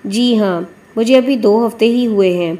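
A woman reading a polite, earnest young reporter in a mellow audiobook. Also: fairly high pitch, natural voice.

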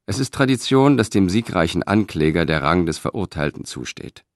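A man's voice: sits low, animated, normal speed, dry recording, clean studio sound. A man reading an audiobook, voicing a proud, ambitious middle-aged Roman senator who speaks with confident, declaiming force.

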